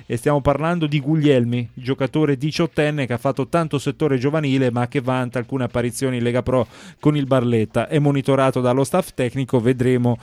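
A man hosts casual sports talk. His medium-pitched voice comes through dry, with hardly any room sound. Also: fairly even intonation, a little fast, hardly any pauses, a little mellow, no room sound. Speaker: sports talk show host. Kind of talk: casual live football talk.

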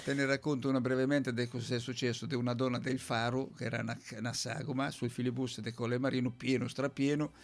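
A man's voice: mid-range voice, flat delivery, fast talker, hardly any pauses. Anconetano guy on local radio, chatty, reading out greetings, laughs a lot. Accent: Anconetano Italian. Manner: chatty, laughs often, dialect words. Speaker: radio host. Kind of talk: casual radio chat, reading listener messages.

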